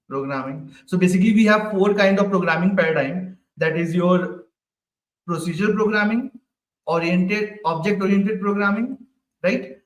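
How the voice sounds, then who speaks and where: Running a live online coding class, a high-voiced male instructor repeatedly puts questions to his students and tags "right?" onto his sentences. He is far from the mic, and the room is echoey.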